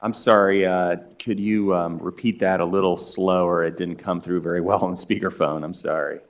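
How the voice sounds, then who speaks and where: A man's voice: deep voice, fairly even intonation, moderate pace. A man chairing a committee meeting, politely asking for comments and clarifications. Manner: polite, procedural.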